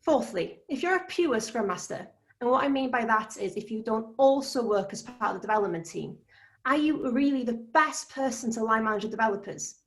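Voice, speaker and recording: A woman's voice: fairly high pitch, animated, a little fast. A woman with a Welsh accent giving an earnest, persuasive prepared conference talk. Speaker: conference speaker.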